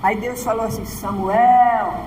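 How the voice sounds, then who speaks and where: A Brazilian woman pastor preaches from the altar in a high, ringing voice. Her words echo through a large church hall with a long tail of reverb. She keeps checking in with her listeners for an "amen" as she speaks. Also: normal speed, slight background noise. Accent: Brazilian Portuguese. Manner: preaches emphatically, often asking the congregation "Amém?". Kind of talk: sermon.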